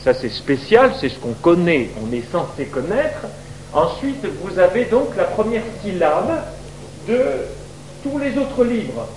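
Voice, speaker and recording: High, lively male Bible teacher. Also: unhurried, slight background noise, low-quality recording. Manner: lively, questions the audience.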